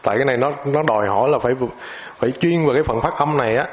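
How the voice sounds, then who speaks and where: A man teaching an informal lesson, hesitant, repeating filler words and ending phrases with a soft tag. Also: medium pitch, very fast, muffled recording, a little hiss or hum.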